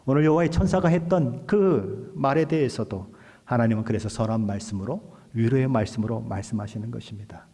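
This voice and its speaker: Pastor preaching in a reverberant hall. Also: male voice, medium pitch, brisk, slightly rough. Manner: animated, asks the congregation questions and acts out quoted voices. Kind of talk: sermon. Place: church sanctuary.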